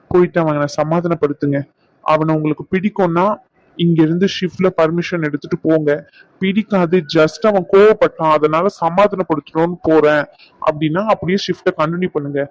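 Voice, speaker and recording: A man voicing a blunt, lecturing doctor in an animated drama. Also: fairly high pitch, no echo, muffled recording, close to an everyday voice. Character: adult male doctor giving blunt advice.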